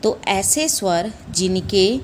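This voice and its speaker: A woman's voice: mid-range voice, lively intonation, takes it slowly, slight background noise. A young woman teaching a class of children, patient and repetitive, asking questions back, calling the pupils "beta", and drawing out sounds when she demonstrates them. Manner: patient, repeats "ठीक है" and asks questions back; calls listeners "बेटा" and "बच्चों". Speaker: primary school Hindi teacher. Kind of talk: classroom lesson.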